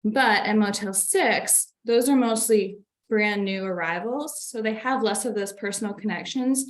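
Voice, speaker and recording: A woman's voice: medium pitch, measured pace. A woman giving a presentation in an online meeting, a little out of breath, explaining in an earnest way.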